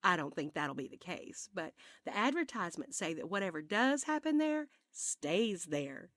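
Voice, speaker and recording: A woman voicing a spirited, sweet elderly grandmother with a Southern accent, speaking in a lively, drawn-out, sing-song way. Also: fairly low pitch, dry recording, clean studio sound. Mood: cheerful. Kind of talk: audiobook character voice.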